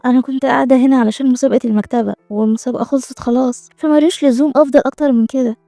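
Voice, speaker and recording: Woman doing a young egyptian assistant girl, pointed and a bit sarcastic, fairly high voice. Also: steady tone, rapid-fire, warm tone, no room sound, studio quality, faint music behind. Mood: earnest. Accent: Egyptian Arabic. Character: young female assistant, proud and doubting.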